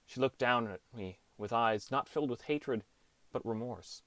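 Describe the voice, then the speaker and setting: A man's medium-pitched, fairly bright voice moves at a moderate pace, close to an everyday voice and free of echo. In character as a downhearted teenage boy, he narrates his gaming adventure reflectively in a dry, understated first-person audiobook style. Music plays underneath.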